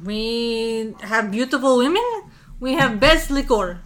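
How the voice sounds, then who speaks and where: A French brothel madam from a tabletop game, her English clipped and broken, played by a woman putting on a wobbly French accent. The voice sits high and bright, brisk and unbothered. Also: animated. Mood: matter-of-fact. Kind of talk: tabletop role-play.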